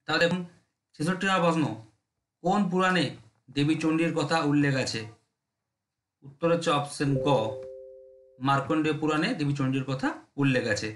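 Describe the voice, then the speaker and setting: Brisk man teaching exam questions. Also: fairly high pitch, fairly even intonation, a bit bright, echoey room, slight background noise. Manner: brisk, drilling, repeats checks with listeners. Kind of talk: rapid MCQ exam lesson.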